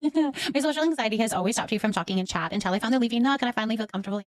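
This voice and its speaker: On her casual livestream, this Canadian woman reads and responds to comments with warmth and encouragement, using endearments for listeners. She speaks rapid-fire at a fairly high pitch. It's a dry recording of studio quality.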